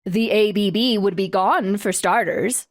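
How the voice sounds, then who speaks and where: In an audiobook drama, a female voice actor takes on the role of a young super-powered mother, guarded and determined as she confronts her ex-husband. Her delivery is firm yet restrained. The natural, mid-range voice is unhurried and recorded cleanly in a studio with no room sound.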